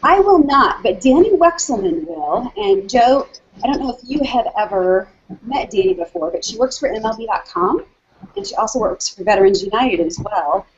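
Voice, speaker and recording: Husky woman on a lo-fi video call. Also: a little high, big pitch swings, normal speed. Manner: chatty, many ums and restarts. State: slightly out of breath from walking. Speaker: hangout host. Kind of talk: casual video call chat. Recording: dull lo-fi video call audio.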